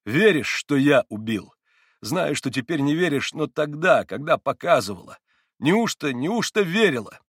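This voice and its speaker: A man's voice: fairly high pitch, big pitch swings, no echo, clean studio sound, voice pushed up. A man reading Mitya, a feverish, breathless young man. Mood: despairing. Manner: catching his breath, halting phrases.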